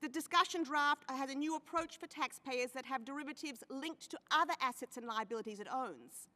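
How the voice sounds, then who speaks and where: Woman testifying in a big echoey hearing room, high bright voice, leans hard on key words. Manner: emphatic, with slowed stress on key phrases. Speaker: hearing witness. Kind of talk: formal testimony. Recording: long reverb of a hearing room.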